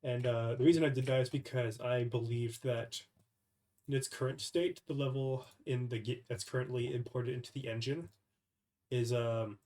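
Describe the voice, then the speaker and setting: An indie game developer, a young man with a cold, sounds stuffy as he talks through a casual devlog screen recording. His mid-range voice is a little mellow, and he speaks hesitantly, with lots of fillers and restarts.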